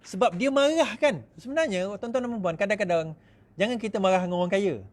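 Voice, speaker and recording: A middle-aged man with a Malaysian accent, giving an animated speech to supporters, mimicking others in quick asides and laughing often. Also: high voice. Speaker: politician speaking to supporters.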